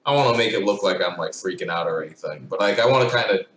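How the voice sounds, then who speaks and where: A man's voice: deep voice, expressive, quick pace, a bit bright. A man playing a tabletop game, who speaks casually and hesitantly. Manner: casual, hesitant, with many "uh" fillers. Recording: echoey room with faint ambience.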